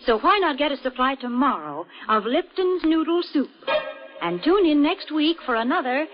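Woman announcer for a vintage radio spot, high and animated, with a muffled old broadcast sound. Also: moderate pace, soft background music. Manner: bright, persuasive sales pitch. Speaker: commercial announcer. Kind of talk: 1940s radio commercial reading. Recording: dull lo-fi 1940s radio recording.

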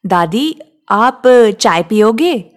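A woman's voice: mid-range voice, big pitch swings, slow. Woman playing a teasing young daughter. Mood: affectionate. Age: 20s. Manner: teasing, affectionate. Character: young bride-to-be daughter, playful and caring.

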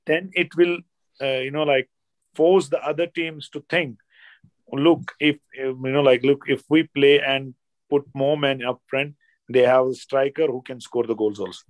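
Indian man, halting football pundit, dry sound. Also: medium pitch, fairly even intonation, no echo, rough recording. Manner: halting, repetitive, frequent "you know". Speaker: football pundit, guest analyst. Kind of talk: casual sports analysis chat.

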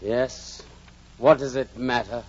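A man's voice: medium pitch, fairly even intonation, slow, breathy edge. An actor playing a bitter, drunken young man consumed by hate, brooding and venomous in 1940s radio acting, on a dull old radio broadcast. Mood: sullen. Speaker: Hindley.

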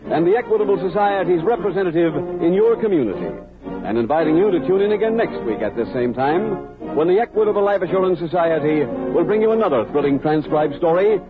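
A man announcing sponsor messages and credits on a 1940s radio program. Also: high-pitched. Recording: tinny old radio with music behind.

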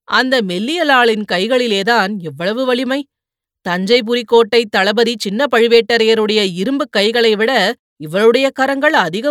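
A woman reading a novel aloud as an audiobook narrator, steady and expressive. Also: fairly high pitch, dry recording, clean studio sound. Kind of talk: scripted storybook narration.

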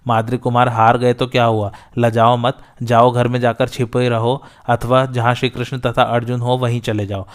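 A proud, victorious male warrior mocking the rival he has just beaten, as a male storyteller reads his words. The delivery stays level, with little rise and fall, and the tone is smooth and resonant. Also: medium pitch, level tone, normal speed, few pauses, close to an everyday voice. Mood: taunting. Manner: taunting.

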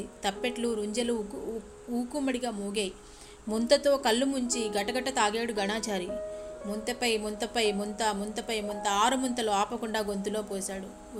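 A woman narrating a folk tale in a vivid, expressive storytelling manner. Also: a little high.

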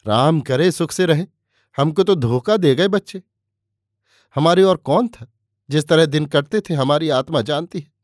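A man reading aloud, voicing an elderly village woman who is motherly and plaintive, in a softly raised voice. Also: a little high, a little slow, dry recording, clean studio sound, lightly acted. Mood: tearful.

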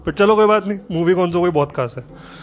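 A man delivering a sarcastic, animated comedic rant, peppered with swearing and quick asides. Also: high-pitched.

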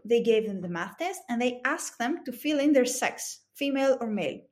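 With a voice on the high side and a little mellow, a Greek-accented woman answers interview questions methodically, explaining through examples. She comes from Greece and is a business coach and psychology expert.

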